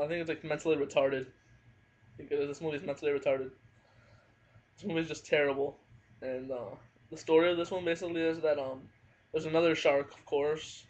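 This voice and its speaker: A man giving a casual spoken movie review at home, hesitant and full of fillers. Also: on the high side. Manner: hesitant, frequent fillers and hedging. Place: at home, family nearby. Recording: dull lo-fi home recording.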